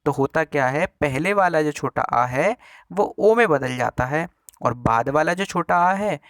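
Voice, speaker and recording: Guy with going thru grammar rules slowly, bit high voice, dry close sound. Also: animated, a bit bright, dry recording. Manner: repeats rules slowly, spells out examples syllable by syllable. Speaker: Sanskrit grammar teacher. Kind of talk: classroom lesson explaining rules with examples.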